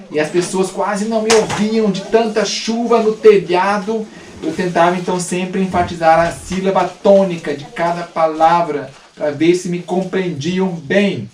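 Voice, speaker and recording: A man's voice: on the high side, a little mellow, reverberant, recorded from a distance. A male missionary host in casual religious chat, speaking with careful articulation and often adding "né?". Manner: explains with deliberate articulation, frequent "né?".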